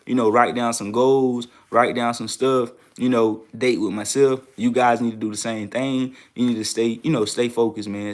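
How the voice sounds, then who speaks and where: A young man hosting a trading show, talking casually and repeating phrases for emphasis. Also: mid-range voice. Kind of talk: casual advice talk to viewers.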